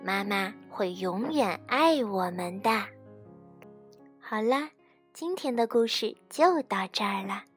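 A woman's voice: medium pitch, animated, takes it slowly, soft background music. A woman reading a bedtime story aloud in a soothing way, speaking to a child. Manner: soothing, addresses child as darling.

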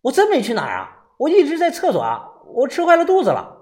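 A man voicing an excitable, defensive young man in an audiobook, shouting his innocence in a shrill voice. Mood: indignant. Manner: shrill, indignant, quick to shout. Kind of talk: audiobook character voice.

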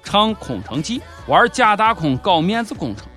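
A male comedy news host with a Shaanxi accent. His voice sits a little high and swings in a lively way as he delivers mock-serious, sardonic commentary. Music plays behind him. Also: moderate pace. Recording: background music under the voice.

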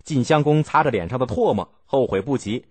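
A man narrating a historical story, animated and acting out the characters' lines as he goes. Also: mid-range voice, a little fast, slightly rough.

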